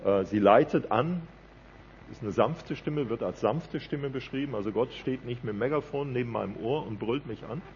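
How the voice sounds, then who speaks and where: A man's voice: medium pitch, normal speed, darkish tone, muffled recording, a little hiss or hum. A man preaching a sermon in an earnest, conversational way, often checking in with a "ja?".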